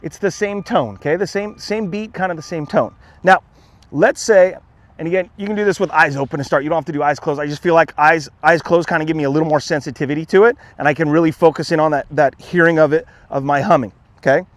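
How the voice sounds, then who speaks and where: Relaxed man coaching putting outdoors. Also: fairly high pitch, fast, no echo. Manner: relaxed, repeats "okay?" and "again", restarts words. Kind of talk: on-course instruction, demonstrating.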